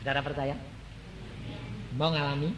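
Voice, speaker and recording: A man's voice: medium pitch, normal speed, background noise. A male evangelist preaching a sermon, telling stories with playful laughing asides and quizzing the congregation. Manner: animated storytelling, quizzing the congregation.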